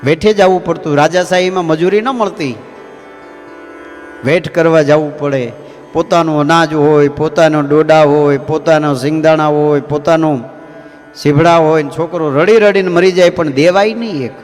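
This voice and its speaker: A man's voice: on the high side, fairly even intonation, normal speed. A man, a swami giving a folksy storytelling sermon with asides to his listeners. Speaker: swami preacher. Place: temple hall. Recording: long temple-hall reverb, faint music.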